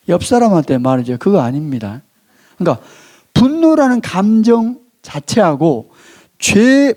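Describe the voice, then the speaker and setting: Guy pastor preaching in church, voice swings up and down a lot, warm mellow tone, slows right down on the big points. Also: sits high. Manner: leads the congregation in call-and-response reading; slows down and stresses key phrases, then drops his voice. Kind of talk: sermon.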